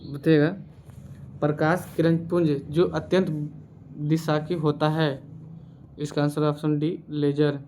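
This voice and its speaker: A man with a higher-pitched voice acts as a quiz host for exam preparation, reading questions and answers in an instructional way and repeating the answers. Slight background noise is present.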